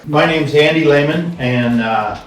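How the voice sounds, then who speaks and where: A man coaching a group of riders outdoors, explaining each step patiently in loose, halting sentences. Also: a little high. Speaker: riding coach. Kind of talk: hands-on outdoor instruction. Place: outdoors on a desert training ground.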